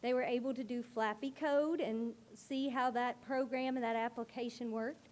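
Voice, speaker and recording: Presenting to a board meeting, a school librarian speaks loudly enough to carry, her voice on the high side with a steady tone. She keeps a moderate pace and an earnest, explanatory approach.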